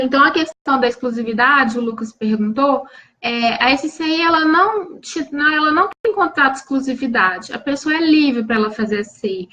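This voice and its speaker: A woman's voice: high-pitched, a bit bright, low-quality recording. A woman from Brazil hosting a live stream, coaching viewers in an earnest, restarting way and answering them by name.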